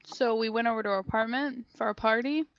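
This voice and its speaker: A young woman in her twenties, a podcast guest, telling a drunken party story in a casual, animated way, swearing and laughing as she acts out what people said. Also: fairly high pitch, quick pace, dry recording, muffled recording.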